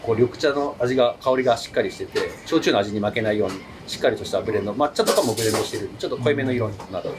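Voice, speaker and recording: A man's voice: lowish voice, racing, hardly any pauses, noisy background. A man from Kagoshima who runs a small izakaya. He eagerly explains his dishes and drinks, with frequent fillers. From Kagoshima, Japan. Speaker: restaurant owner. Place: busy small izakaya, indoors.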